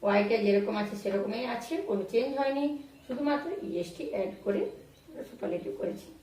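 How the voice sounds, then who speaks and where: A woman teaching English grammar in Bengali, spelling out words letter by letter and repeating examples slowly. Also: medium pitch, mellow, recorded from a distance, slight background noise. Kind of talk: explaining grammar rules to students. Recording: very echoey room, voice off-mic.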